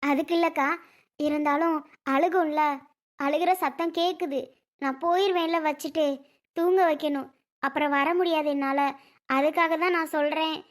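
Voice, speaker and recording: A woman playing a poor young village mother who speaks softly and sounds wounded. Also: sits high, fairly even intonation, moderate pace, pauses often, lightly acted. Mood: pleading. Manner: soft, pleading, wounded. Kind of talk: village skit acting.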